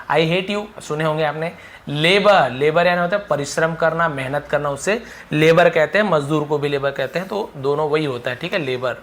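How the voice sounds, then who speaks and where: A man's voice: a little high, a bit bright, slight background noise. A man with a Hindi accent teaching an English vocabulary lesson, calling out each word and then explaining it with frequent "okay" checks.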